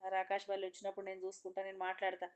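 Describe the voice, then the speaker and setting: A woman's voice: medium pitch, monotone, rapid-fire, muffled recording, close to an everyday voice. A woman voicing a brave, selfless youngest daughter in a folk tale. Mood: resolute.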